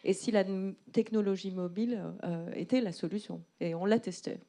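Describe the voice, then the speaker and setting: Woman live interpreter, mellow darker voice, normal pitch, rephrases as she explains. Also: moderate pace. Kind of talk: live consecutive interpreting of a presentation.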